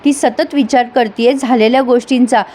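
A woman's voice: on the high side, steady tone, moderate pace, dark tone. A woman reviewing a TV serial episode in a casual recap, chatting directly to her viewers.

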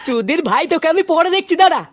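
A woman's voice: very high-pitched, animated, very fast. A woman doing a bossy, swearing cartoon buddy. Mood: scolding. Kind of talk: cartoon voice acting.

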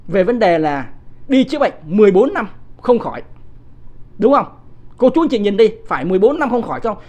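A man's voice: high voice, sing-song, brisk, darkish tone, lo-fi sound. Man in his fifties, livestream commentator, blunt and combative, rhetorical questions to viewers. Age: 50s. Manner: combative, scolds viewers in blunt coarse language; rhetorical, keeps asking the audience "right?".

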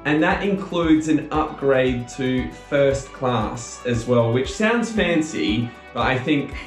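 A man's voice: mid-range voice, expressive, slow. A young Australian man filming a casual travel vlog with a handheld camera, laughing often. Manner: laughs often, chatty and upbeat. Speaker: travel vlogger. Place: apartment, bus, border checkpoint. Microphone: handheld camera at arm's length. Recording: background music.

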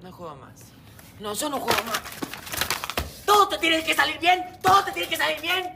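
A woman's voice: sits high, big pitch swings, moderate pace, gravelly. A woman chatting casually, playful and teasing. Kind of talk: casual chat. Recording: noisy background.

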